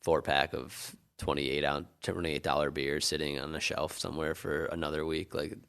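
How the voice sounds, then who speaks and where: A man's voice: very deep voice, flat delivery, moderate pace, fairly bright tone, clear, resonant tone. A man co-hosting a casual podcast chat, wry and sardonic, often laughing at his own jokes. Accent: Chicago. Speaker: podcast co-host.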